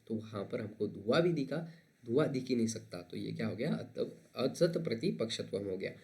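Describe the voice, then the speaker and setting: A man teaching an exam-prep lesson. His voice sits at a middle pitch. He keeps posing rhetorical questions and answering them as he explains. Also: a little mellow.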